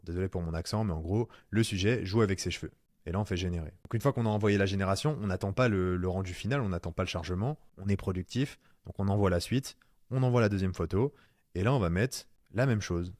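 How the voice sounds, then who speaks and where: A man's voice: low voice, fast, a little mellow, no echo, clean studio sound. A man giving a casual screen-recorded tutorial in French, chatty and slangy, talking straight to the viewer as "tu". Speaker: online course instructor.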